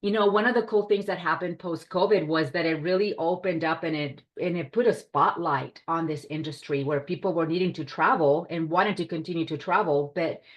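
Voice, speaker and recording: Woman, from Puerto Rico, enthusiastic presenter, video call webinar, lower voice. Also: a little fast, hardly any pauses, lo-fi sound. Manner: enthusiastic, chatty, warm hospitality tone. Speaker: director of short-term rentals, presenter.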